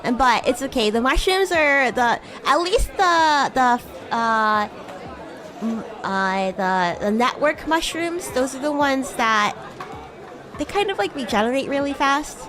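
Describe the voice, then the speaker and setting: Livestreaming in character, a woman giggles her way through chat as a mischievous demon classmate, stretching and hesitating over her words. Her animated voice sits high, and a crowd is audible behind her.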